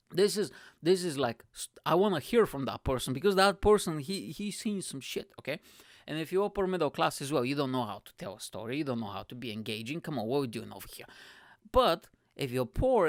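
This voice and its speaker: A man in his thirties from Bulgaria talks straight to camera, rambling and swearing freely with bursts of laughter. His voice sits a little high. The sound is close and dry, with no room echo. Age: 30s. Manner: profane, rambling, animated, laughs often. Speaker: show host. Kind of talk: casual monologue to camera.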